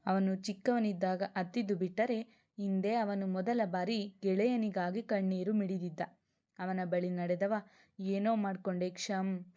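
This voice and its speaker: A woman narrating a serialized audio romance drama in a steady, dramatic reading, on a dull lo-fi recording. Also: mid-range voice, moderate pace. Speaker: storyteller. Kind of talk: scripted audio story narration.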